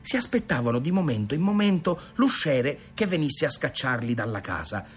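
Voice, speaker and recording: A man reading a classic novel aloud, his pitch rising and falling widely as he tells the story. Faint music runs underneath the narration. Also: normal speed. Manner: expressive storytelling. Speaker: audiobook reader. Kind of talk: literary narration.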